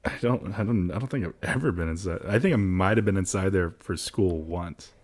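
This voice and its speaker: A man's voice: low voice, fairly quick. A young American man co-hosting a podcast in casual, slangy, profane chat. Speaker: podcast co-host.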